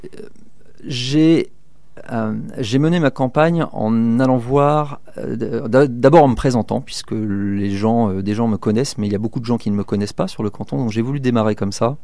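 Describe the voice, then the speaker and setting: Speaking at a moderate pace in a mellow, medium-pitched voice with no echo, a man in his thirties from southern Manche, France, answers interview questions. He's standing in a local election and replies hesitantly, full of fillers and restarts.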